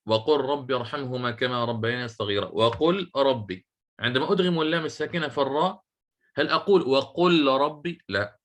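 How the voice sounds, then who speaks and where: A man teaching a class on Quranic recitation rules. He puts questions to his students, repeats key phrases slowly and chants short verses in a measured tone. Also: mid-range voice, bright, forceful tone. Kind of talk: classroom lecture on tajweed.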